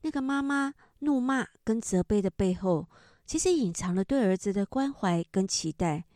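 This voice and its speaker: A middle-aged woman, an author and counselor, gently explaining ideas and telling a story about a book. She speaks in an explanatory manner with drawn-out particles at the ends of phrases. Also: medium pitch, lively intonation, no echo, studio quality.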